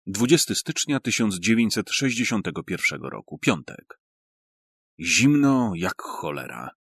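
A man reads a first-person story aloud with a wry, storytelling touch. His low voice is gravelly, and his pitch moves a lot. The sound is close and dry. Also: big pitch swings, measured pace, fairly bright tone, no echo. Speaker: audiobook reader. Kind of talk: first-person audiobook narration.

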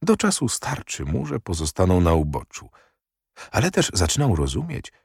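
A man narrating a historical novel in a measured, steady audiobook reading. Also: deep voice, vocal fry, husky, no echo, studio quality.

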